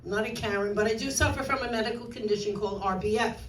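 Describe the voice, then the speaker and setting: A woman's voice: on the high side, quick pace, a little hiss or hum. A woman in her sixties with a New York accent, doing a brash, self-mocking stand-up set on a club stage. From New York, USA. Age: 60s. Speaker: stand-up comedian. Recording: roomy club sound from far off.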